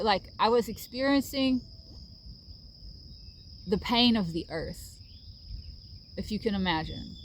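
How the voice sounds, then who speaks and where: A woman's voice: medium pitch, slight background noise. Middle-aged woman, casual vlog monologue, earnest and reflective, faint crickets behind her. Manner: earnest, reflective, with frequent fillers and soft laughs. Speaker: vlogger sharing a healing journey. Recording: faint outdoor ambience with crickets.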